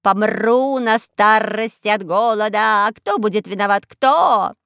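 A sly old crow, put on by a woman reading an audiobook, who drawls her words slowly and wheedles. She is greedy and self-pitying. The recording is dry and close, with no room sound. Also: medium pitch, a bit bright, clean tone, no room sound. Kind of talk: audiobook character voice.

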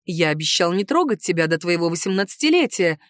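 Woman playing a restrained young noble husband, low and soft, dry close sound. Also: big pitch swings, fast talker, dry recording. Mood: tender.

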